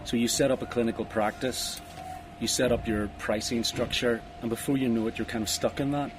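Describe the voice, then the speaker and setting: A man's voice: medium pitch, steady tone, brisk. Man interviewing outdoors on a noisy ski slope. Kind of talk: interview on camera, open and conversational. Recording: noisy outdoor recording with ambient sound.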